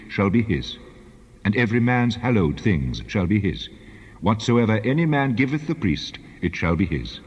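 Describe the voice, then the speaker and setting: An actor playing God as a solemn, commanding deity, pronouncing law in a measured, authoritative way in a dramatized scripture reading. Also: male voice, lowish voice, a little mellow, breathy edge. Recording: long hall reverb, dull band-limited sound.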